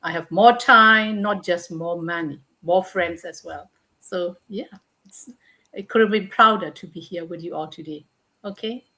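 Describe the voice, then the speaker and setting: A woman in her sixties, retired, talks as a guest on a casual livestream. Her voice is bright and tense with a lowish pitch, and she speaks chattily, dropping in "you know" again and again. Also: unhurried, rough recording. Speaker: guest panelist.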